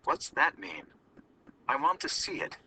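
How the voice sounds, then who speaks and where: A man reading aloud in a classroom story lesson, voicing an excitable young boy who asks lots of questions. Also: a little high, measured pace, slight background noise, full character voice, low-quality recording.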